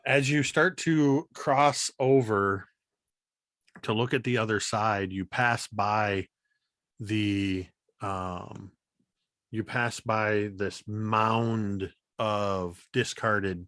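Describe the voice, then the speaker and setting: Low-voiced, slow-paced male game master. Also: a bit bright, no echo, studio quality. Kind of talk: narrating a tabletop role-playing game.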